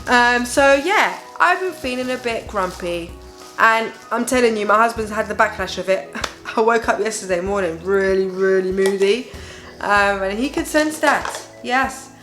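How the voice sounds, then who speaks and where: A woman's voice: medium pitch, expressive, a little slow, fairly bright tone, faint music behind. A young woman, an exhausted mother, chatting candidly and emphatically to her viewers about her feelings, checking in with them as she goes. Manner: exhausted, weary parent venting candidly. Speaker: parenting vlogger and host, mother of a baby. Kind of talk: casual confessional chat to viewers.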